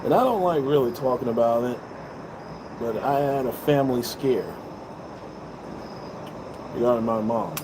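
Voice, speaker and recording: A man in his fifties talks outdoors, rambling and earnest as he hands out life advice, circling back over the same points and swearing along the way. His pitch sits in a normal middle range. Steady traffic and air-conditioner hum run clearly behind him. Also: a little slow, long pauses. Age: 50s. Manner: earnest, rambling, profane, repeats himself. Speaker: vlogger. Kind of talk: casual advice monologue. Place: balcony, outdoors.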